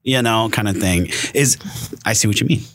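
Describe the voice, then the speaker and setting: A man hosting a casual interview, relaxed and rambling, with lots of "kind of thing" and "you know". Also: fairly low pitch, moderate pace. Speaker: podcast host.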